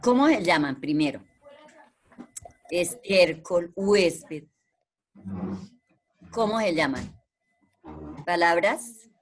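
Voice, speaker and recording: A woman's voice: on the low side, expressive, very slow, long pauses, slight background noise. A woman teaching a primary school class over a video call. She speaks patiently and repeats the key terms so her pupils remember them.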